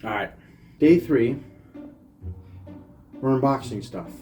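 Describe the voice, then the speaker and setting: A man's voice: medium pitch, lively intonation, slow pace, mellow, faint music behind. A young man vlogging casually on camera, rambling and candid as he works on his setup. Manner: rambling, candid, talks while working.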